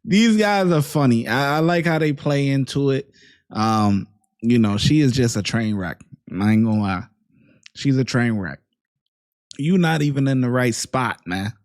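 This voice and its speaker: A man's voice: mid-range voice, animated, unhurried, darkish tone. A man giving casual, amused reaction commentary in slangy talk.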